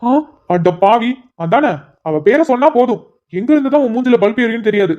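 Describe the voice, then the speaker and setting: A woman's voice: on the high side, expressive, lightly acted. A woman voicing a sarcastic young married man who teases his friend with exasperated banter in a cartoon. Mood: teasing. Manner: mocking, exasperated, quick banter. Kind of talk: cartoon voice acting. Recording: slightly muffled lo-fi audio.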